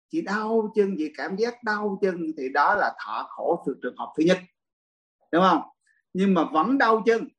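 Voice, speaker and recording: A man, a Buddhist monk teacher giving a dharma talk Q&A, telling stories lively and laughing often. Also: a little high, poor audio.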